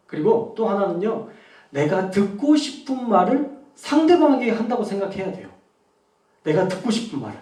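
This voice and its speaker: A male pastor's sermon, with his voice sitting high and swinging up and down as he preaches. The voice rings in a roomy space and sounds a little away from the mic. He often stops to show how a phrase sounds in a gentler tone. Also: distant mic. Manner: animated preaching with spoken demonstrations of tone.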